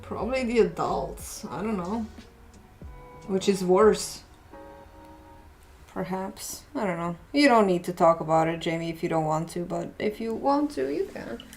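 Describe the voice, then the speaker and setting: A woman's voice: on the low side, lively intonation, measured pace, a little mellow, faint music behind. A woman chatting casually on a livestream while painting, laughing often and poking fun at herself. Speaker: streamer painting a mural.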